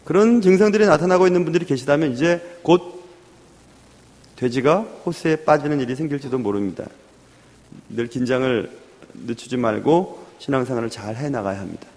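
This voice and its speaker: A male pastor preaching a sermon in an animated way, acting out the voices he quotes. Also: medium pitch, brisk. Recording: long hall reverb.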